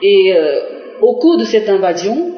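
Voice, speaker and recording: A Korean woman in middle age, serving as a diplomat, answers a TV interviewer in a mid-range voice with big swings in pitch. She hesitates a lot, pausing, saying "euh" and restarting her phrases. The audio sounds roomy and dull, like an old lo-fi broadcast.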